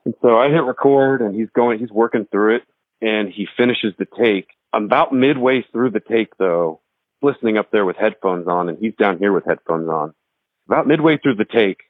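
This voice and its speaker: Telling a ghost story at home, this homeowner and musician from Texas lets his recollection wander, often starting sentences over. His pitch is fairly low, and the sound is dry and thin, almost phone-like, recorded at his house in the woods.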